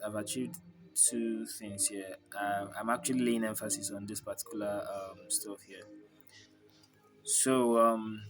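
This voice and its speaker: A man's voice: on the low side, low-quality recording. A man walking through a graphic design tutorial over a screen recording, narrating each step plainly as he works and thinking aloud.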